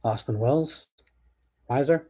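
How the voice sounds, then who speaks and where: Hosting a sports card break, a man chats casually and offhandedly, thinking aloud and restarting as he opens packs in live commentary. He speaks at a medium pitch, slowly and warmly, though the audio is dull.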